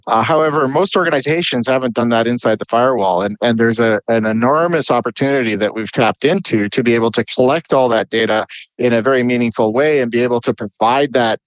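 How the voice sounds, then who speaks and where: A man's voice: mid-range voice, fast talker, no room sound. Dull-sounding, dry-miked male guest. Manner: fluent but full of restarts and "you know". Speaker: guest, company CEO. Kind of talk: explaining business at length. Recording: dull, dry remote audio.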